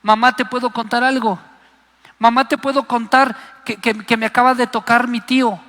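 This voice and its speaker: Hurt child pleading with a parent, played by a man in a sermon; high, bright, long church reverb. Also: flat delivery, moderate pace.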